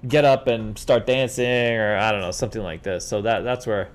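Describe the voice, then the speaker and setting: This is a casual livestream chat where a middle-aged New Yorker plays host and takes viewer questions. His voice is fairly low and his speed normal, and he rambles animatedly through anecdotes, addressing everyone as "dude."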